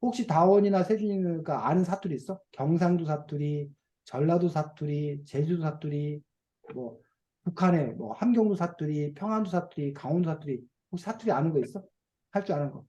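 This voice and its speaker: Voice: mid-range voice, moderate pace, warm tone, dull audio. A teacher running an online reading class for children over a video call, asking questions and playfully acting out dialect phrases.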